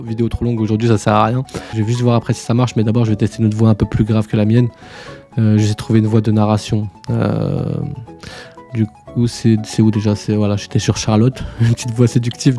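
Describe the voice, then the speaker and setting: A man's voice: medium pitch, mellow. A man hosting a casual screen-share tutorial, informal and slangy, chatting to viewers like buddies. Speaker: tutorial host.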